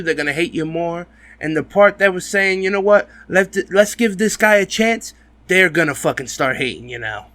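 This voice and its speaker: A man with a slight lisp gives casual, opinionated sports commentary. His voice sits high and sounds bright and forceful, recorded close and dry. He is blunt and emphatic, swearing freely as he addresses fellow fans. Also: no room sound. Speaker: host of a football fan video podcast.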